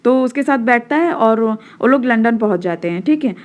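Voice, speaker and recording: A woman's voice: a little high, animated. Indian woman teacher explaining a lesson. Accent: Indian English. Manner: mixes Hindi and English, explains slowly with checking asides.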